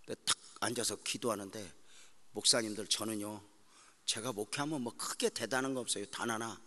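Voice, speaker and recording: Middle-aged guy preaching a sermon, super bright sharp voice, gets loud then goes hushed. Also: fairly low pitch, fairly even intonation, brisk. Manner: emotional storytelling, swings from shouting to hushed prayer. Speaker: pastor.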